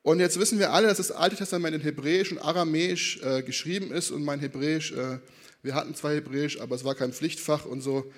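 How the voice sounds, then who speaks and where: A man's voice: a little high, quick pace. A man preaching a sermon in a conversational way, often checking in with his listeners. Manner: conversational, with frequent tag questions and lively re-enacted quotes.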